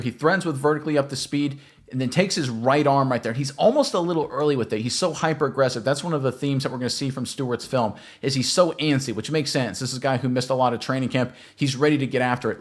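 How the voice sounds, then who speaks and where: A man giving an emphatic, coach-like football film breakdown and talking straight to his viewers. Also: medium pitch.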